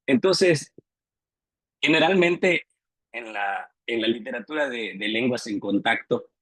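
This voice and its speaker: Husky-voiced man lecturing haltingly. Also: mid-range voice, lively intonation, fairly bright tone, no room sound, low-quality recording. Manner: hesitant, repeats words, checks in with listeners. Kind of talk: academic lecture.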